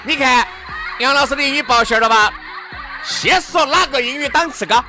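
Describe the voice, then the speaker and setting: Sichuan accent guy cohosting, jokey teasing banter, pretty high voice, music clearly playing behind him. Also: normal speed. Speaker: talk show co-host. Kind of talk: casual comic banter in dialect.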